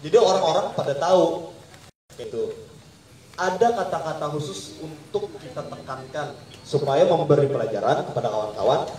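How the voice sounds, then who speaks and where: A man's voice: fairly high pitch, expressive, moderate pace, a little mellow. A man leading an informal poetry reading workshop, quizzing the group in call-and-response. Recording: echoey room, mic far off.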